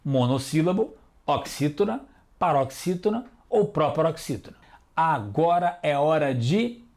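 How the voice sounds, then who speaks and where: A man with a Brazilian Portuguese accent teaching a televised children's lesson, calling out words slowly one at a time. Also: on the high side, a little mellow. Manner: slow, deliberate, spelling words out one by one. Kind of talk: scripted classroom instruction for children.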